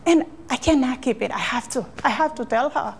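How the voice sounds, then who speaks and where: High-voiced woman recounting an ordeal. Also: gravelly, breathy edge. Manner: halting, repeats phrases, non-native English grammar. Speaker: interviewee. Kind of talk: emotional personal account in an interview.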